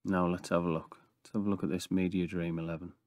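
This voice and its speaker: A man in his thirties records casual game commentary for his YouTube channel in a little attic with brick walls. He talks quickly in a deep, darkish voice with little pitch movement, and the clean studio sound has no room sound.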